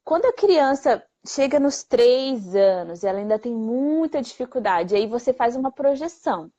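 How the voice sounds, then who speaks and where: Woman speech therapist, fairly high voice, lively rhetorical questions, dull lo-fi stream sound. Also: moderate pace. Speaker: channel host answering viewer questions. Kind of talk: live Q&A explainer. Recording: dull lo-fi livestream audio.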